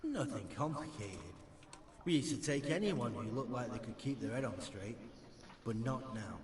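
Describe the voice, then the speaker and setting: Man as a mocking game outlaw boss, cutting and wary, booming hall echo. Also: expressive, measured pace, slight background noise, lightly acted. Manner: cutting, scornful questioning. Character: suspicious adult male outlaw leader, mocking and testing. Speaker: game character. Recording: game audio in an echoey hall.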